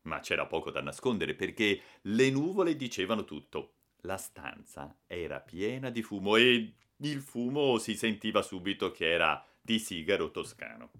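A man narrating a story as an audiobook in an expressive storytelling style. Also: lowish voice, moderate pace, few pauses.

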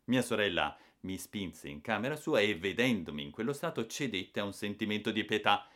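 A man's voice: fairly low pitch, animated, normal speed, fairly bright tone. Theatrical male storybook narrator. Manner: dramatic, theatrical delivery. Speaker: audiobook narrator. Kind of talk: expressive first-person storybook reading.

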